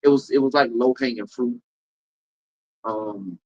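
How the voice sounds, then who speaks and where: A man's voice: mid-range voice, a little slow, muffled recording. Male comedian and event host from Florida, mid-range voice, punchy emphatic riffs, casual interview. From Polk County, Florida. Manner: animated, emphatic storytelling with repeated riffs.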